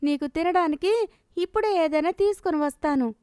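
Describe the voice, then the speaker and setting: A woman voicing a poor village mother in a storybook cartoon, speaking in a gentle, pleading way. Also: very high voice, normal speed, dry recording, studio quality, voice pushed up.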